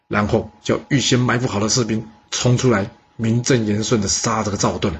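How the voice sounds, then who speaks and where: A man telling a history story in a lively, chatty way. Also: on the low side, gravelly, slight background noise. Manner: lively, chatty, drawn-out particles. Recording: dull lo-fi recording.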